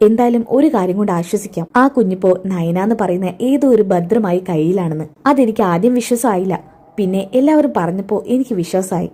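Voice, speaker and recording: A woman voicing a resolute young woman in a retold serial, firm and protective. The delivery is quick and the tone mellow. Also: mid-range voice, lightly acted. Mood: determined.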